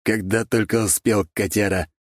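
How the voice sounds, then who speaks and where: A man voicing a calm, matter-of-fact middle-aged squad commander in an audiobook. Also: on the low side, moderate pace, no echo, studio quality, pitched above the performer's own voice, natural voice.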